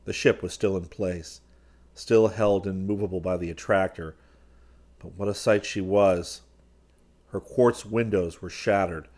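A man narrating a science-fiction audiobook in a steady, measured reading. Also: sits low.

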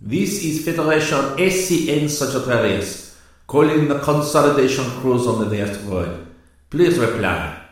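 A man's voice: medium pitch, expressive, moderate pace, very echoey, voice pushed up, close to an everyday voice. A man doing a suave French space captain. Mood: suave reassurance. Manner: suave, smooth, falsely reassuring. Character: suave French male cruiser commander.

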